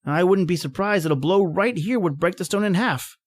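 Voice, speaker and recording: Here a woman with a lowish, natural voice talks briskly in the role of an impatient professor who trusts only reason. It's old-time radio horror acting, exclamatory and theatrical, and she sounds sure of herself and condescending.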